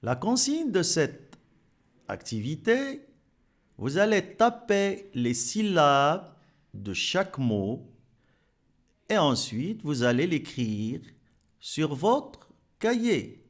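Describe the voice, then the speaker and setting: A man teaching French to young children, patiently repeating words and clapping out their syllables. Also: fairly high pitch. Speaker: primary school French teacher.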